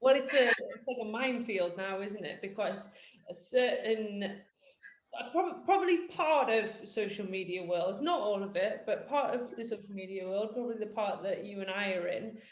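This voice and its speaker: A British woman, a personal trainer, hosts a casual fitness podcast, chatty and joking at her own expense. Her voice is medium-pitched at a moderate pace, and the recording has a roomy echo.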